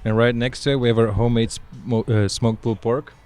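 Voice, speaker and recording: A young man from Belgium, a chef, calmly describing dishes in a casual interview. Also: medium pitch, faint music behind. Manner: plain, unhurried descriptions with fillers.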